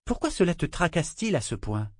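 A man's voice: on the high side, very animated, brisk, a little mellow, no echo, clean studio sound, pitched above the performer's own voice. A man reading an audiobook voices a pregnant woman who teases and scolds a younger man, in a raised voice. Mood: chiding. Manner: teasing then firm. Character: pregnant woman, warm but teasing, sharp-tongued.

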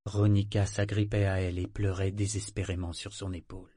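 A man narrating an audiobook in a measured, expressive reading. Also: low-pitched, slightly rough, no echo, studio quality. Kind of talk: scripted narration.

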